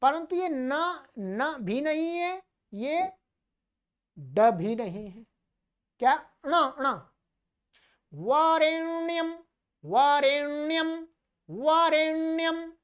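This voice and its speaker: एक महिला शिक्षिका जो मंत्र धीरे-धीरे उच्चारण करके सिखाती है और बीच में जल्दी-जल्दी समझाती है।. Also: female voice, sits high, sing-song. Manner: chants slowly and loudly, then explains quickly. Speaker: teacher of Vedic mantra pronunciation. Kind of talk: recitation lesson.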